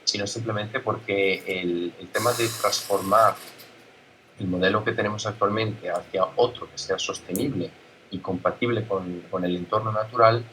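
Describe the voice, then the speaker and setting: Low bright-voiced Italian man, halting talk. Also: fairly even intonation, slight background noise, rough recording. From Italy. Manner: halting, many fillers and restarts. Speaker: guest speaker. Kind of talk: conference talk.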